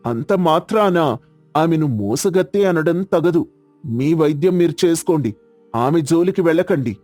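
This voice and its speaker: A man's voice: on the high side, animated, unhurried, a little mellow, no room sound, faint music behind. A man voicing a stubborn older village headman who brushes off a young doctor. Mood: dismissive. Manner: dismissive, lecturing.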